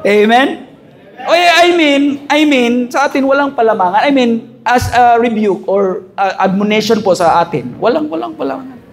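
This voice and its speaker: A man pastor preaching a conference sermon in a church, jokey and animated, mixing in English phrases and asking "amen?" often. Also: high-pitched. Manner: mixes Tagalog with English phrases.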